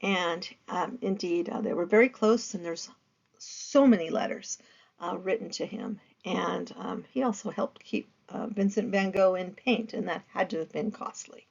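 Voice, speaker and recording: A woman lecturing on art history, with a gravelly, fry-tinged voice. She speaks in a loose, conversational way, filling pauses with ums and uhs. The recording is dull and lo-fi. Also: lowish voice. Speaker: art teacher.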